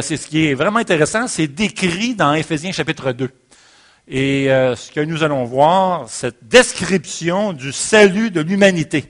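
A man with a Quebec French accent preaching a sermon, opening with a lively personal story and acting out the voices and shouts in it. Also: on the high side.

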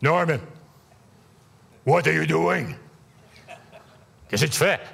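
A man's voice: deep voice, expressive, very slow, creaky, breathy edge, pitched below the performer's own voice, exaggerated voice. A man voicing a big-voiced, English-speaking businessman mentor who barks blunt commands. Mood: urgent, scolding. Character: loud booming anglophone businessman mentor.

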